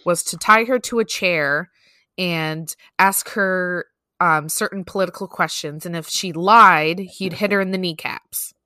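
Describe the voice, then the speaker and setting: A woman's voice: on the low side, measured pace, sharp tone, no room sound, clean studio sound. A young woman co-hosting a casual podcast chat, playful and blunt, laughing often. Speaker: podcast co-host.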